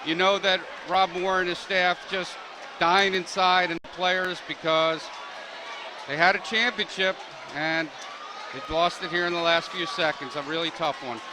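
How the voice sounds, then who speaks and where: A man doing live sports commentary in an excited, emphatic way. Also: high-pitched, a little slow. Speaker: play-by-play announcer. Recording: crowd noise at a game.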